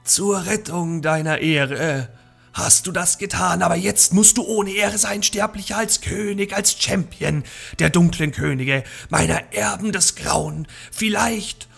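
A man's voice: sits high, measured pace, creaky, fairly bright tone, husky, faint music behind, voice pushed up, heavily acted. A man voicing a scheming old female shadow witch in a hissing whisper, read from a book in a game.

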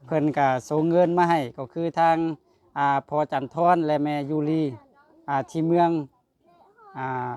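A man's voice: on the high side, steady tone, moderate pace, a little mellow, clean tone. A man with a Lao accent, chatting casually as a vlogger presenting donated gifts, repeating himself and seeking agreement. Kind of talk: casual chat to a family and viewers.

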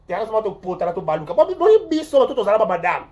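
Animated Congolese-accented gossip host. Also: medium pitch, fast talker. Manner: rambling, repeats words, swings between loud outbursts and muttering. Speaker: online show host.

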